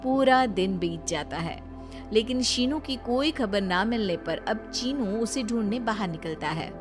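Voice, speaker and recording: A woman's voice: on the high side, unhurried. Woman narrating a cartoon story. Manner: even, storytelling. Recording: faint music behind.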